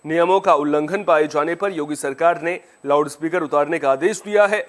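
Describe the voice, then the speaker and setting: A male anchor whose voice is unusually high reads briskly from a script. The presentation is formal, in the style of a TV news bulletin.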